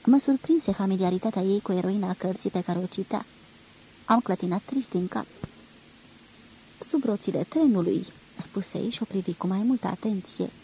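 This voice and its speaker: Mellow-voiced woman reading a novel. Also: mid-range voice, a little hiss or hum, poor audio. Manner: measured, expressive storytelling. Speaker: reader. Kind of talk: literary audiobook reading.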